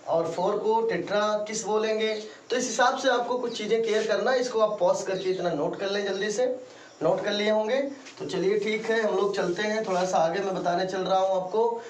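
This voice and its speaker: A man's voice: high-pitched, slight background noise. A male chemistry teacher gives a classroom lecture, calls his students "beta" and repeats key terms in call-and-answer. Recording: roomy echo, voice from a distance, faint ambience.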